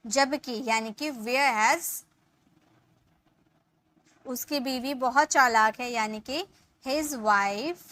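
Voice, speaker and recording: A young woman teaches spoken English in a high, bright voice. She dictates each example sentence slowly and lets the ends of her sentences fall away softly.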